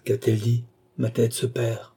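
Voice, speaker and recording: A man's voice: mid-range voice, monotone, measured pace, gravelly, mellow, slightly rough. A man doing a distraught young nobleman. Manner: agitated, broken outbursts. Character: young nobleman, grieving, hot-tempered brother.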